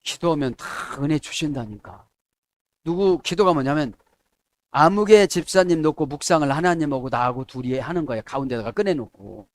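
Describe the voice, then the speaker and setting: Lively middle-aged Korean pastor preaching. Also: male voice, on the high side, moderate pace, no echo. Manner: asks the congregation "에?" to check agreement. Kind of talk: sermon.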